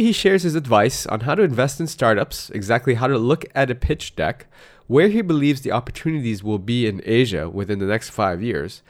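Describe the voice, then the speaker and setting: Man hosting a business podcast. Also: medium pitch. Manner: hesitant, restarts words when ad-libbing. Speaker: podcast host.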